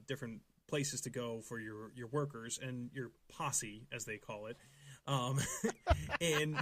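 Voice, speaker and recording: A man's voice: mid-range voice, a bit bright. A man hosting a board game podcast, chatting casually with frequent restarts and fillers. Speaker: podcast host. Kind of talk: board game review chat.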